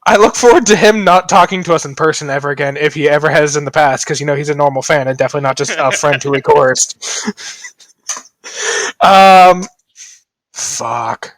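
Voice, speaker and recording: A man's voice: on the high side, normal speed, a bit bright, no echo. A young man hosting a podcast, casual and joking, rambling and self-deprecating. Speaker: podcast host.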